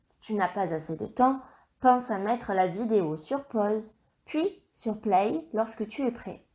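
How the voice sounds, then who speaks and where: A woman teacher recording a video lesson for young children, dictating words slowly and clearly and encouraging the child. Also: mid-range voice, expressive, darkish tone. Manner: slow, clear dictation with stretched syllables; encouraging, addresses the child directly. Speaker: primary school teacher.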